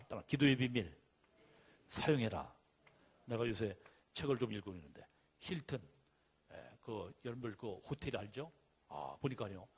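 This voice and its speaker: Husky-voiced Korean male pastor preaching. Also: medium pitch. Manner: emphatic preaching with repeated calls and rhetorical questions. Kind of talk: sermon.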